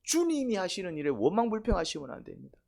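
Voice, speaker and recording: A man's voice: huge pitch swings, quick pace, vocal fry. Emphatic male pastor preaching a sermon. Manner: emphatic, asks many rhetorical questions, repeats phrases; swings between loud exhortation and low, quiet asides. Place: church evening prayer service.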